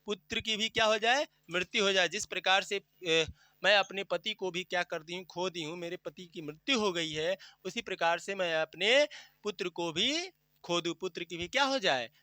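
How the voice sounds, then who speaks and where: A man with a high, very bright voice teaches a class, explaining a poem line by line. He keeps asking questions and answering them himself. The sound is dry and close, with no room echo. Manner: recites verse slowly and drawn out.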